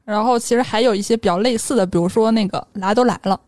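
A woman's voice: mid-range voice, fast talker, a little mellow, dry recording. A talkative woman from northeast China hosting a casual, colloquial podcast chat. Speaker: podcast host.

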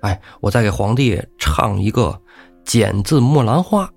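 A man's voice: fairly low pitch, lively intonation, measured pace, gravelly, darkish tone, soft background music, heavily acted. A man voicing a humble, deferential young male servant in a storytelling show. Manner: earnest, deferential.

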